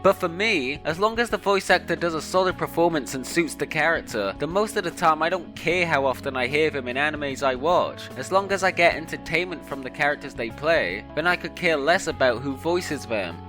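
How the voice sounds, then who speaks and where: A man's voice: fairly high pitch, expressive, brisk, hardly any pauses. A man narrating a scripted opinion piece as a video essayist. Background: music.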